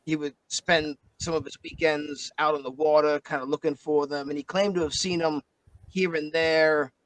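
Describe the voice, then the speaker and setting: A man's voice: on the high side, a bit bright, dry recording, natural voice, low-quality recording. A man playing a hesitant, rambling adult son who speaks of his late father in a tabletop game.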